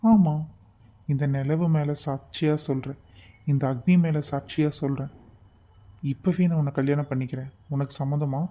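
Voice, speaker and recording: A man's voice: on the high side, fairly even intonation, moderate pace, long pauses, warm tone, close to an everyday voice. A man voicing an earnest, protective young man in love in a cartoon, talking in an emphatic, coaxing way. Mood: tender. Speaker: voice actor. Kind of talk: cartoon voice acting.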